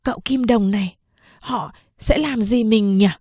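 A woman's voice: on the high side, a little slow, warm tone, breathy edge, no echo. A woman voicing an eager young boy who coaxes and pleads with his uncle in an audiobook. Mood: worried. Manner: urgent, coaxing. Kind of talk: audiobook character voice.

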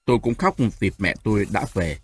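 A man narrating a novel in an expressive audiobook reading. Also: fairly low pitch, fairly quick, slightly rough, no room sound. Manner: expressive storytelling.

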